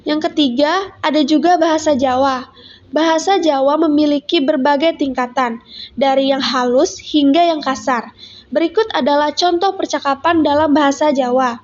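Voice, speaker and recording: Woman, high pitch, steady careful lesson reading, dull lo-fi sound. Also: moderate pace. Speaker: student presenter. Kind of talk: read educational narration.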